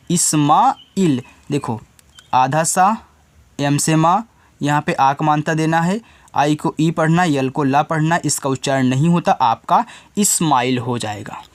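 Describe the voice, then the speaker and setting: A male teacher teaching children, spelling words slowly letter by letter and repeating the answers. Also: on the high side. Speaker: English teacher.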